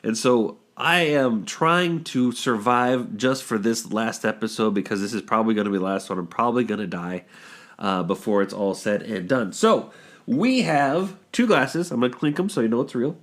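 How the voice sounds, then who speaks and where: A man in his thirties hosts a casual podcast, stuffed up from a cold. He rambles and jokes, filling gaps with "like" and "uh" at a middling pitch. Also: normal speed. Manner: rambling, jokey, lots of fillers. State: congested from a cold. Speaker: podcast host. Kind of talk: casual chat.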